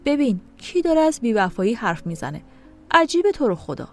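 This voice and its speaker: A woman reading the lines of an earnest young man, a gentle former fiancé, in an audio story. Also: sits high, very animated, faint music behind, pitched above the performer's own voice.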